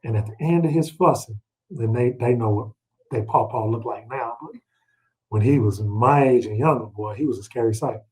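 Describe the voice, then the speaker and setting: With a medium-pitched, darkish voice and a moderate pace, a middle-aged Bible teacher leads a read-along on a rough recording. He keeps it colloquial, sharing personal anecdotes and checking on listeners with rhetorical questions.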